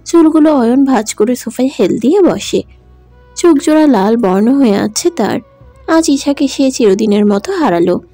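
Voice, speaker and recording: A woman's voice: a little high, lively intonation, normal speed, warm tone, dry recording, soft background music. A woman narrating a romantic audio drama in an emotive, dramatic manner. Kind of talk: scripted story narration.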